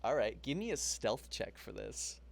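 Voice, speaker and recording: A man narrating as game master in a relaxed, chuckling manner. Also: mid-range voice, normal speed, vocal fry.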